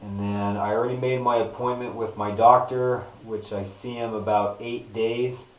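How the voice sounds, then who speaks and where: A male vlogger with a fairly low voice describes his own surgery recovery in a casual first-person health vlog. He speaks at a moderate pace with fairly even intonation, in broken, everyday conversational phrases. The sound is roomy and echoey, from a distant microphone.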